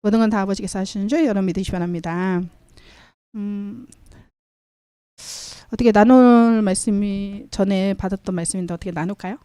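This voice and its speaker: A woman's voice: mid-range voice, fairly quick, pauses often, mellow, smooth, dry recording, studio quality. A woman preaching a church sermon, reading scripture aloud and asking the congregation questions, with frequent hallelujahs.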